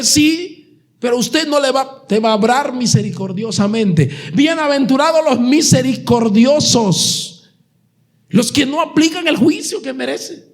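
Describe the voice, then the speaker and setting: A Colombian pastor delivering an impassioned sermon, retelling parables and questioning the congregation directly. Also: male voice, very high voice. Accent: Colombian Spanish. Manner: preaching with dramatic retellings and sudden raised passages.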